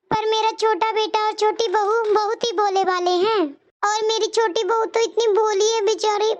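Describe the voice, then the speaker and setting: A woman voicing a scheming elderly mother-in-law in a cartoon story who sweet-talks and plays favourites between her sons. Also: very high-pitched. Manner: sweet-talking, wheedling.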